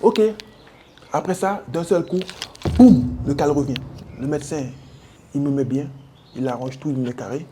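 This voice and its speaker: This is animated personal storytelling from a man from French Guiana, speaking with that accent in an interview. His voice sits on the high side at a normal pace with long pauses, and there is background noise. He is vivid and slangy, uses sound effects, and calls the listener brother.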